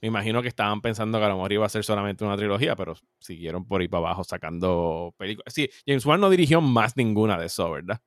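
A man's voice: lowish voice, very fast, few pauses, no echo, clean studio sound. A man co-hosting a casual film discussion, giving his opinions freely and laughing easily. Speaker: podcast co-host.

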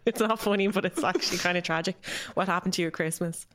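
A woman hosting a podcast, chatty and teasing, throwing in quick jokes as she asks questions. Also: fairly low pitch, fairly even intonation, fairly bright tone. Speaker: podcast host. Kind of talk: casual chat.

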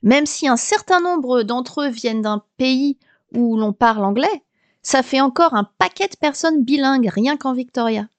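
A woman's voice: high-pitched, lively intonation, moderate pace, no echo. A woman podcast host from France, in her thirties or forties, explaining things in a chatty, lightly humorous scripted monologue.

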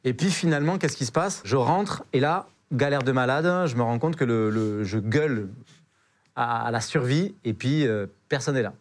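A young man tells an adventure story as a podcast guest, loose and slangy. He stumbles and repeats words as he goes, and his pitch sits in an ordinary middle range. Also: moderate pace. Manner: slangy, animated, full of hesitations and repeated words. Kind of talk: casual storytelling.

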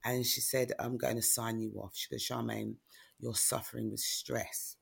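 Speaking as a guest and author, a middle-aged woman recounts something personal in an easygoing, frank chat. She has a bass voice that is gravelly and a touch husky, keeps a moderate pace, and often checks in with "do you know what I mean?"

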